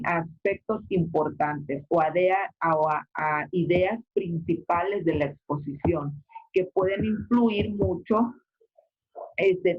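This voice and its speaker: A teacher lectures a class over a video call, the voice slightly husky and the sound dull and muffled. The delivery is explanatory and unhurried in structure, full of filler "este" and quick "¿ok?" checks. Mid-pitched and steady in register. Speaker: secondary school Spanish teacher.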